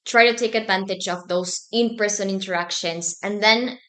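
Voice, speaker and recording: Bright and forceful at medium pitch, this young woman's voice belongs to an Argentine student society president whose first language is Spanish. As a guest in a casual interview, she's thoughtful and measured, often pausing with um.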